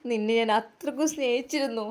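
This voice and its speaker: A woman's voice: on the high side, fairly quick, lightly acted. A woman voicing a jealous, suspicious young husband who accuses and pleads through tears in a dramatized story reading. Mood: pleading.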